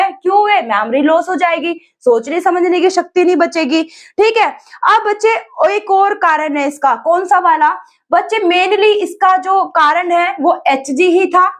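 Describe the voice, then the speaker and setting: Speaking in an extremely high pitch with an Indian accent, a woman leads an exam-prep class and calls her students children. She poses questions only to answer them herself, dropping English terms into what she says.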